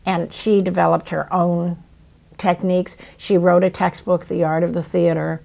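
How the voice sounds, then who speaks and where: A woman in her seventies, an actress and playwright, telling stories in an animated, theatrical way during an interview. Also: lowish voice, moderate pace, vocal fry. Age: 70s. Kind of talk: interview conversation.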